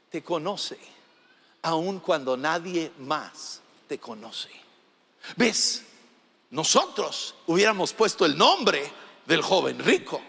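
Man, pastor, sermon, slow and drawn out, emphatic, sometimes shouting, long echoing reverb. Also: high-pitched, vocal fry. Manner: emphatic, rising to shouts, asks the congregation questions.

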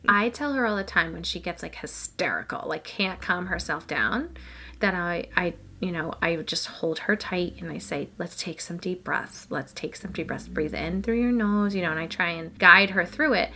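Bright-voiced mom chatting casually. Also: female voice, on the low side, normal speed, slight background noise. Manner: animated storytelling, acts out quotes. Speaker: podcast co-host. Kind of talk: casual chat.

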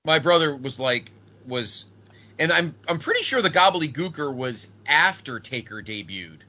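A man hosts a casual wrestling fan podcast with an animated, widely moving voice. His tone is bright and punchy, his talk enthusiastic and unfiltered. The audio is a little dull and lo-fi. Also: fairly high pitch, moderate pace. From northeastern United States. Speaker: wrestling show podcast host. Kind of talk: casual chat commentary on retro wrestling.

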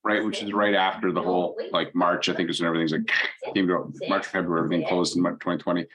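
A man's voice: low-pitched, steady tone, fast talker, crowd noise. A man hosting a podcast, upbeat and chatty, introducing his guest and a sponsor. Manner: upbeat, chatty, lots of fillers. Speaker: podcast host. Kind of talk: podcast interview. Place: British Columbia.

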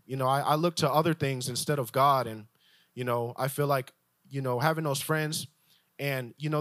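A young adult man giving a personal church testimony, halting, with many fillers and restarts. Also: on the high side, a bit bright, dry recording.

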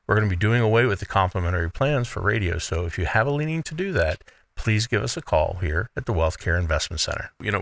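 Animated, bright-voiced male radio advisor. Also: sits low, no room sound. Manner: conversational, peppered with "you know". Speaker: radio show host, financial advisor. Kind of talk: explanatory radio talk.

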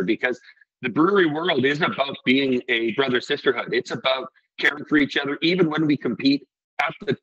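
A man's voice: medium pitch, fairly bright tone, breathy edge, muffled recording. A middle-aged man from Iceland who owns a restaurant and brewery, talking casually in an interview, rambling and earnest with many restarts.

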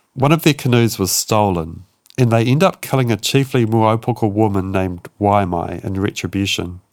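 A man narrating a history documentary in a measured, dramatic way. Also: on the low side, no echo, studio quality. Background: soft music.

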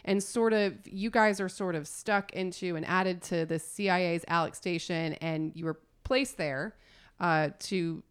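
A woman hosting a casual interview, chatty and excitable with quick laughs. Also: on the low side, clean tone. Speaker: podcast host.

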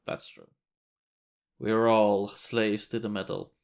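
A man's voice: on the low side, level tone, slow, creaky, a little mellow. A man co-hosting a podcast in casual chat, laughing often and swearing casually. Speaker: podcast co-host.

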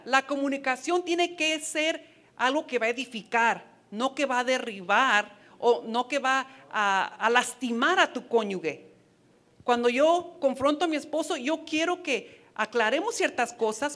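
A woman's voice: sits high, fairly bright tone. A woman preaching a sermon to wives, earnest and advising, with playful asides. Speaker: women's ministry speaker.

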